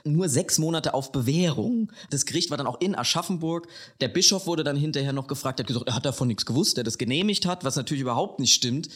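A man from Lower Franconia in Germany, co-hosting a casual podcast chat and telling a story in an animated way that slows down for emphasis. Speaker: podcast co-host.

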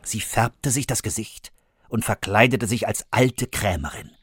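A man reading a fairy tale aloud for children with expressive, lively storytelling. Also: lowish voice, measured pace, breathy edge, soft background music. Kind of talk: scripted storybook narration for children.

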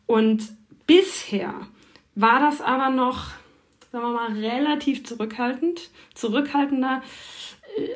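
A woman correspondent answering interview questions, thoughtful and explanatory, with frequent fillers. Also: on the high side. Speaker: foreign correspondent.

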